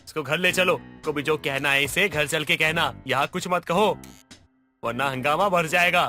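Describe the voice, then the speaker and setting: Frustrated young husband, tense bright tone, music faint behind. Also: male voice, a little high, moderate pace. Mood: exasperated. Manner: pleading, exasperated. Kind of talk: animated cartoon voice acting.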